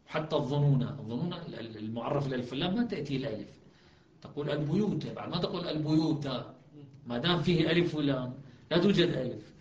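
A man gives a classroom lecture and walks through each point slowly, checking that everyone follows. His voice sits a little high for a man. The sound is muffled and bounces around an echoey room. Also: darkish tone. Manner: explanatory, asks students if it is clear. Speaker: teacher of Quran recitation and grammar.

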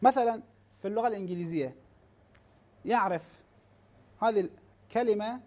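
Halting lecturer asking the class questions. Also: mid-range voice, darkish tone. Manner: asks rhetorical questions and checks in with "ha?"; halting, restarts words, spells out lists slowly. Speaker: teacher.

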